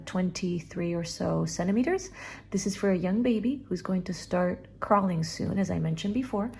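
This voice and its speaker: Relaxed woman teaching knitting. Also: mid-range voice, vocal fry. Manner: relaxed, counts stitches under her breath, chatty asides. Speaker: knitting tutorial host. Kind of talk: casual knitting tutorial, talking while working.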